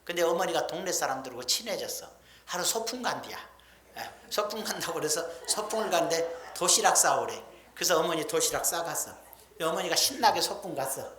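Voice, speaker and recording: A woman's voice: on the low side, expressive, fairly quick, a bit bright. A woman preacher giving a sermon in a folksy, emphatic storytelling manner, with blunt everyday speech. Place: church sanctuary. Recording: echoey church hall.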